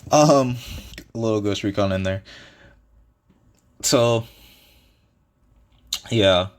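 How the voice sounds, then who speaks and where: A man's voice: on the low side, very slow, clear, resonant tone. A man casually improvising a fan story, rambling with many fillers and restarts and chuckling at his own ideas.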